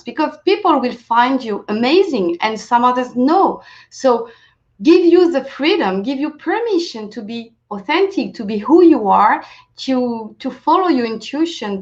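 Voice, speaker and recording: A native French speaker from France with a French accent, this self-leadership coach runs an interactive coaching webinar and thanks participants for sharing. Her voice is a little high, her tone gently encouraging, and the webinar audio is lo-fi.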